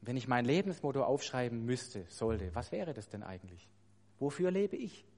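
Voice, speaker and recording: A man preaching a sermon, emphatic and building to loud stressed points, putting rhetorical questions to his congregation. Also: medium pitch, animated, moderate pace. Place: church hall. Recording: long hall reverb.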